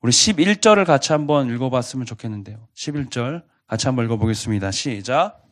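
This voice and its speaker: Man, pastor, preaching a sermon; earnest and questioning, medium pitch. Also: expressive, fast talker. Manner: earnest, asks the congregation repeated questions.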